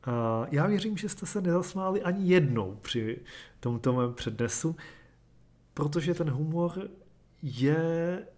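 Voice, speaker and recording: Man reading literature aloud, measured. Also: fairly high pitch, animated, a little mellow. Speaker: reader and commentator.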